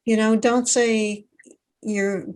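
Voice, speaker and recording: A woman hosting an interview and speaking in measured, fluent sentences. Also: a little high, little pitch movement, a little mellow. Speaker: podcast host. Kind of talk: interview host.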